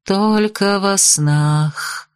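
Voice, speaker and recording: A woman's voice: low-pitched, takes it slowly. A woman voicing a sultry, cold-hearted witch who speaks in a languid, purring way. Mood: mocking.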